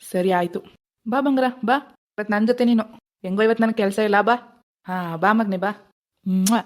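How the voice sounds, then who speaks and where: A performer voicing a gentle, doting grandfather who soothes a crying baby in an animated family drama. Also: mid-range voice, a little fast, close to an everyday voice. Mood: easygoing.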